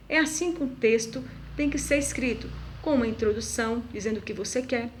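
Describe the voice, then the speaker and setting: A woman teacher giving a recorded video lesson to schoolchildren, speaking slowly and deliberately and asking the pupils questions. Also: a little high. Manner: slow, deliberate, asks pupils rhetorical questions.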